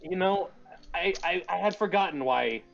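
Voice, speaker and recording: A man's voice: high-pitched, lively intonation, moderate pace, gravelly. A man playing a tabletop game with casual, goofy, sometimes crude banter. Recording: dull recording with faint music.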